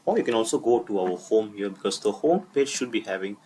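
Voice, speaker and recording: A man giving a screen-recorded coding walkthrough, talking haltingly with many fillers and self-corrections. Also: lowish voice, expressive, darkish tone, a little hiss or hum. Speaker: coding tutorial instructor.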